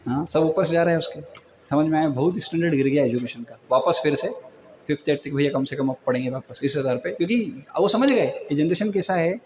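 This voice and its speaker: A man's voice: on the high side, a little mellow, a little hiss or hum. Conversational Hindi-speaking preacher man. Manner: conversational, acts out quoted people. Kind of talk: Hindi devotional lecture.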